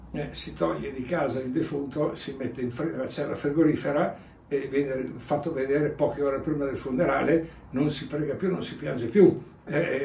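Priest rambling through a sermon in an echoey church. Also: male voice, on the high side, creaky, mellow, far from the mic, a little hiss or hum. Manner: rambling, repeats phrases, tags lines with "eh?" and "vedete".

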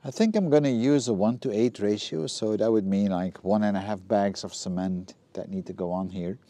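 A man's voice: lowish voice, moderate pace, dark tone, no room sound. Practical man explaining his yard work. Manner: plain, practical, explains as he works with frequent ums and uhs. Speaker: DIY renovation vlogger. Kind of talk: casual step-by-step narration. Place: outdoors in a garden yard.

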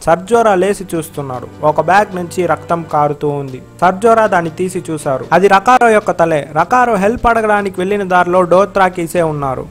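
A man's voice: sits high, brisk, few pauses, faint music behind. A man retelling the plot of a TV episode as a chatty storyteller, speaking the characters' lines himself. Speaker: recap channel host.

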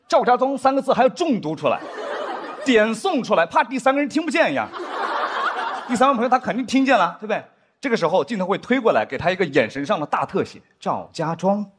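A man performing a stand-up comedy set, telling stories and acting out drama scenes in a lowered voice. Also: quick pace. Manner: lively storyteller, acts out drama scenes in lowered voice. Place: theater stage before a live audience. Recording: live stage with crowd laughter and noise.

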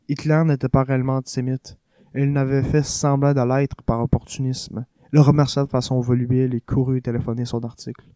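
Mellow male audiobook reader. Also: mid-range voice, smooth, dry recording. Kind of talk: audiobook narration.

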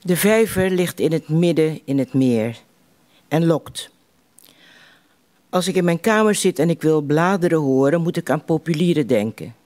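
A man reciting poems in a slow, measured way, with deliberate pauses between lines. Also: a little high, a little mellow. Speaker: poetry reciter at a literary evening.

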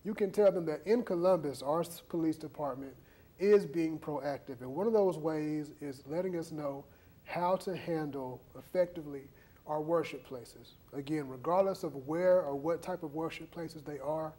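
A man's voice: fairly high pitch, moderate pace, mellow. A man, hosting a TV studio interview on a lapel mic, affirming his guests and summing up their points. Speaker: TV talk show host. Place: TV studio set.

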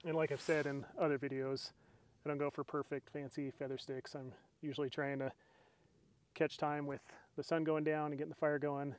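There's no room sound around this somewhat high, darkish male voice. He's an outdoors channel host in middle age, talking through his camping equipment step by step at a mountain campsite in a friendly, self-mocking manner, filmed with a body cam and a tripod camera and recorded on the camera mic.

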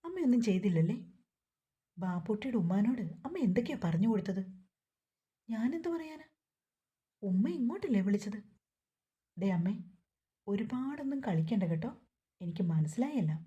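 A woman's voice: medium pitch, very animated, moderate pace, pauses often, mellow, lo-fi sound, lightly acted. A woman voicing a curt, short-tempered young son in a family story, snapping back at his mother. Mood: irritable.

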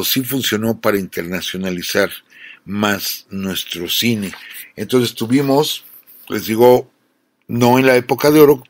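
A man's voice: mid-range voice, dry recording. A man with a Mexican accent hosting a radio program and telling film history in a conversational way. He talks straight to his listeners as friends and often checks in with them. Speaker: radio host.

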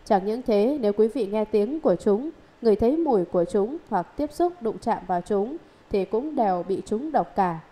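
Woman, warm low-brightness tone, calm even reading, sutra commentary. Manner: steady, measured explanatory reading. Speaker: reader of a Buddhist commentary.

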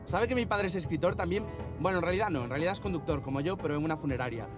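An actor with a Galician accent playing a talkative driver who rambles and repeats himself. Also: male voice, on the high side, very fast, music in the background, natural voice. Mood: eager. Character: talkative young male driver and would-be actor. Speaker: taxi driver. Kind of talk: film dialogue.

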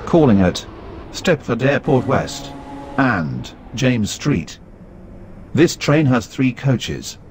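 Slow male station platform announcer. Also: mid-range voice, very animated, a little mellow, slight background noise. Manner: measured, evenly paced listing of stops. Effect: station platform public-address announcement. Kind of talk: recorded station announcement in a game.

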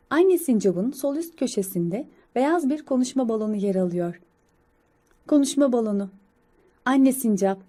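A woman reading an audio description of a children's comic, slow, careful and even. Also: a little high.

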